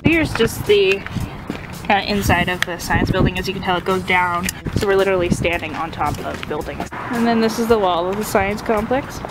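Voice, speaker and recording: A woman's voice: mid-range voice, brisk, very noisy. A young adult woman giving a chatty, informal walking tour of a campus as a vlogger, recorded outdoors. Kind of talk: casual walking vlog chat.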